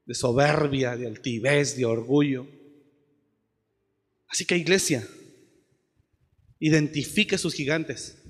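A man preaching a passionate sermon as pastor, swinging from shouts to soft asides. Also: mid-range voice, slow, pauses often, slightly rough, big-room sound.

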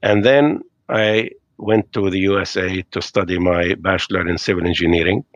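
In a dry recording, a low-voiced, middle-aged man from Lebanon is interviewed remotely from home as a podcast guest over video call. His speech is thoughtful and hesitant, with fillers and slightly non-native phrasing.

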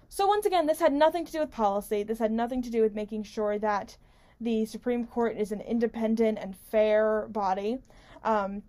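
Female political talk host, slightly high-pitched, conversational and opinionated, unscripted, emphatic, prone to interrupting herself. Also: darkish tone. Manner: rambling, self-interrupting, conversational, with emphatic stresses. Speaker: host of a weekly political talk radio show. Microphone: studio-style microphone pulled close, with squeaky stand.

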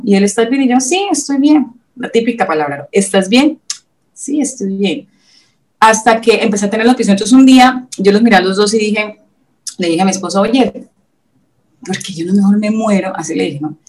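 A woman's voice: mid-range voice, darkish tone, far from the mic, rough recording. A woman in her thirties recounts her own story as an interview guest, earnest and emotional, slipping into the voices of people she quotes. Her voice sits a little back from the microphone. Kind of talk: personal faith testimony.

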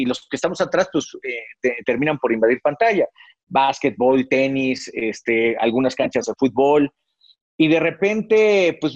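This is a medium-pitched middle-aged man, a sportscaster guest telling reflective stories about his career during an interview. He uses lots of fillers and often restarts his sentences. There's no echo, and the recording sounds dry and a bit dull.

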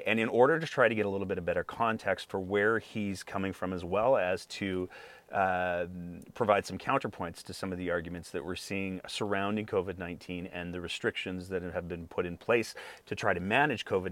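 A low-pitched man hosts an interview podcast, reading a scripted intro in a dry recording. He speaks carefully, using lots of fillers and hedges.

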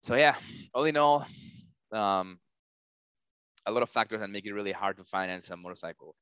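A man's voice: lowish voice, expressive, normal speed, a bit bright, smooth, no echo, highs cut off. A man as a podcast guest, explaining finance step by step with frequent restarts. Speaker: startup founder guest. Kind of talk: casual interview chat. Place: lives in a large city.

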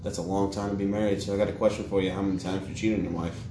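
A man voicing Saint Peter, a wry older gatekeeper of heaven, in a dry deadpan way. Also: low voice, very fast, distant mic, natural voice. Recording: echoey room with background noise.

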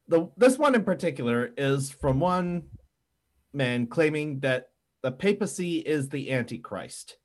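A male podcast host in relaxed chat whose voice sits slightly high and swings widely in pitch. He tells the story with obvious amusement and a lively, animated delivery. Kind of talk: casual chat.

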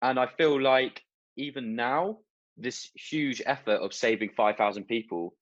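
A man's voice: mid-range voice, unhurried. A man interviewing a guest, asking conversational, leading questions. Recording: dull lo-fi sound.

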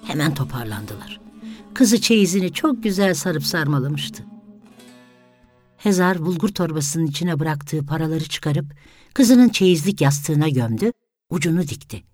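Narrator for a sad village tale: calm, even delivery, middle pitch, light music bed. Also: a little slow, dry recording. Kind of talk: scripted story narration.

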